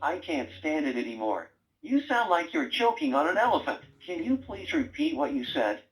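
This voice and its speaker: A man's voice: on the high side, big pitch swings, normal speed, low-quality recording. A man voicing a wisecracking male talking brain robot toy that teases its owner and gives quiz-style prompts. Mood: teasing. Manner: sarcastic, teasing, bossy quiz-style prompts. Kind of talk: toy voice lines.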